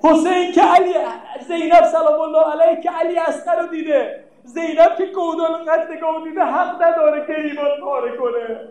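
Impassioned male preacher, high voice, mourning sermon with chanted elegy, very echoey hall, off-mic. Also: level tone, darkish tone. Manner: impassioned, rising to cries. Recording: very echoey from far off.

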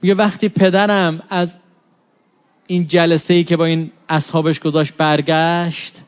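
A man's voice: fairly high pitch, little pitch movement, smooth. A man preaching a mourning sermon, reciting Arabic lines and then explaining each one in Persian. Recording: dull lo-fi recording.

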